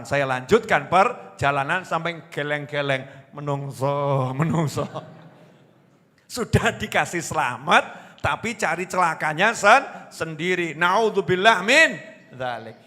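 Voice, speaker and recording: Lively high-voiced Javanese preacher, slow. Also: male voice, big-room sound. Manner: animated storytelling, acting out quoted voices, mixing in Javanese. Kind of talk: sermon.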